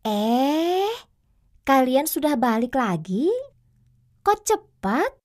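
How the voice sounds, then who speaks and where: A gentle, high voice with a lot of rise and fall, from a young woman with a Sundanese accent. She is a kind older-sister type of shopkeeper. She gives advice slowly and patiently in a children's TV drama. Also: big pitch swings, full character voice. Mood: calming. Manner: gentle, slow, advising delivery.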